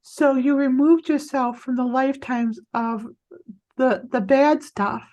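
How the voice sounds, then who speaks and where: A woman energy healer guiding a client in a healing session, talking in a soothing, reassuring way with halting restarts. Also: high voice, a little mellow.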